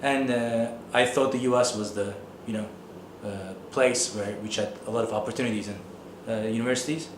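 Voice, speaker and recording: A man's voice: lowish voice, steady tone, brisk, few pauses, reverberant, noisy background. A man in his thirties from Turkey with a Turkish accent, an economics professor answering interview questions thoughtfully, with many fillers.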